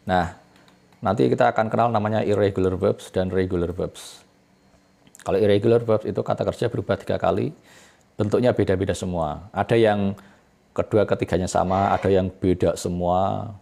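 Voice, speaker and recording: Male self-taught English tutor, low gravelly voice, casual and chatty, lots of fillers. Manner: relaxed, chatty explaining with fillers and self-corrections.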